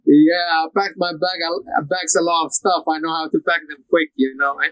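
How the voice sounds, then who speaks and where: A young man from Iraq answers questions in a relaxed, easygoing way, dropping "you know" into most of his sentences. His voice sits a little high for a man. It is recorded close and dry, with no room sound. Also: a little fast, no echo, low-quality recording. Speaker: MMA fighter. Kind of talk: post-fight interview over a call.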